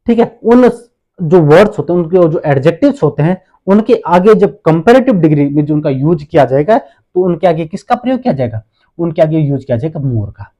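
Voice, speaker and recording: A man teaches grammar in a lively voice that keeps rising and falling. His tone is mellow and fairly high. He asks his own questions and then answers them slowly. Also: lo-fi sound. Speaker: English teacher. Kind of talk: classroom grammar lesson.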